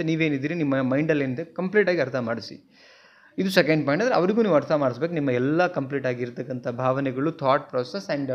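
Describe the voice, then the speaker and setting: Male counselor, earnest and repetitive, voice on the higher side, dull recording. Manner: earnest, repeats points, mixes English words into Kannada. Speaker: relationship counselor. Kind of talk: advice talk to viewers. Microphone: mic in front of him while seated.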